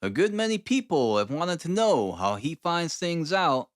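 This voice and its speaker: A man voicing an affable, teasing gentleman in an audiobook, with a wry, jovial manner. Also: fairly high pitch, big pitch swings, unhurried, pitched above the performer's own voice. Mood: knowing. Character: affable, teasing male companion of the detective. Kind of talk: audiobook character acting.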